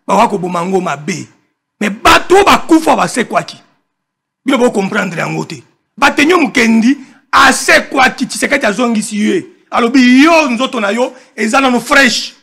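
A man giving an impassioned political account, emphatic and animated, switching between French and Lingala. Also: extremely high pitch, creaky, slightly rough. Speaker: political guest.

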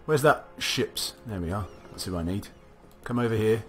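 A young man gives animated, casual commentary on a strategy game at a normal speed, thinking aloud in a chatty way. His low voice carries a slight gravel from getting over a cough, and soft game music plays faintly under the desk mic.

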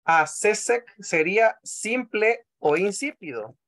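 This is a Salvadoran man giving an online language lesson on a video call. His voice sits a little on the high side. He is patient, says each word more than once, and keeps checking that his students follow. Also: expressive, fairly bright tone. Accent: Salvadoran Spanish. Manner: patient, repeats words slowly, often asks "¿verdad?". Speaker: Nahuat language teacher.

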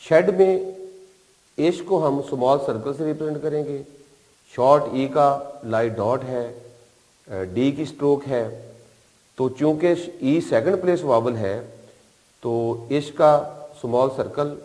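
A man's voice: mid-range voice, takes it slowly, warm tone. A man from Pakistan with a Pakistani accent, teaching a shorthand class at a board, explaining patiently step by step and repeating key terms. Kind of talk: board lecture. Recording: long reverb in a hall-like room.

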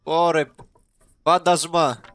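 Bright-voiced excitable young gamer man. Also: a little high, slight background noise. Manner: excitable, talks to viewers, sprinkles English game terms. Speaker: gaming YouTuber. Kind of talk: casual let's-play commentary.

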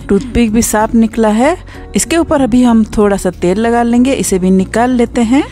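A woman hosting a cooking channel, narrating a recipe step by step in a calm instructional voice-over. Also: on the high side.

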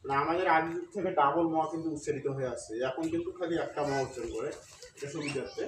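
A teacher giving a Sanskrit pronunciation lesson, explaining slowly with a Bengali accent, chanting verse syllable by syllable and asking students questions. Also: medium pitch. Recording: echoey room from far off with loud noise.

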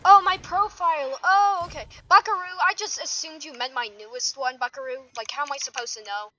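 A young woman giving dramatic, excitable gameplay commentary, gasping and gushing. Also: high-pitched, a little fast. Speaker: gaming streamer. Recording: dull lo-fi mic with faint noise.

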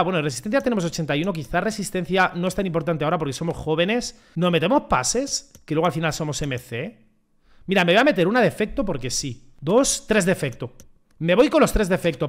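A young man with a Spain Spanish accent, commentating his own football game casually, excitable and slangy, shouting when he scores. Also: on the high side, fast. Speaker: gaming YouTuber.

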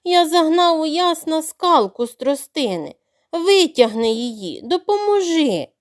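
A woman's voice: sits high, sing-song, voice pushed up. A woman doing a wailing, greedy crocodile. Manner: wailing, drawn-out groans. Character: greedy crocodile, male, moaning over a toothache.

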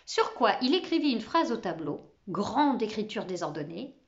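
A woman reading a children's novel aloud in an expressive storytelling way. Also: medium pitch, moderate pace, muffled recording. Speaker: reader.

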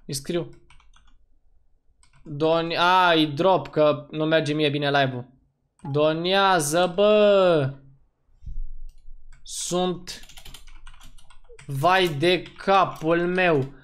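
A man giving let's-play commentary as a gaming YouTuber, excitable and slangy, breaking into loud whoops. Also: fairly high pitch, pauses often, clear, resonant tone.

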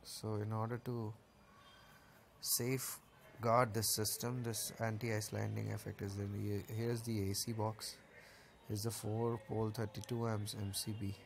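This casual technical walkthrough comes from a man touring a rooftop solar setup and covering every part in turn, in simple terms with a filler here and there. He speaks at a measured pace in a lowish, creaky, flat voice, and there's slight hiss or hum.

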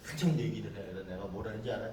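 A middle-aged male pastor telling stories in a conversational sermon, sometimes shouting quoted lines. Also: lowish voice, racing, a little hiss or hum. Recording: echoey room from a distance.

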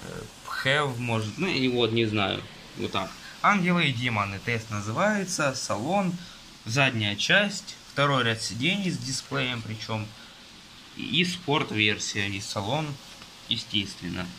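A young man casually reviewing a car magazine page by page, listing items in a halting way with fillers, filmed on a phone at a table indoors while rain falls outside. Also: mid-range voice, expressive, pushed and bright, slight background noise, low-quality recording. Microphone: phone camera filming from above.

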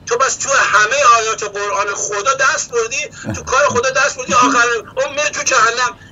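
A man voicing a sharp-tongued wife who mocks and insults her husband, told as a quoted part within a story. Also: on the high side, steady tone, slightly rough, dull audio, pitched above the performer's own voice, heavily acted. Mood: scornful.

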